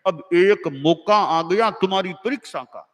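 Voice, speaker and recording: A devout mother speaks earnestly, urging her young son to hold firm, played by a man in a sermon story. Her voice sits high and carries a long reverb in a large hall. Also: measured pace, fairly bright tone.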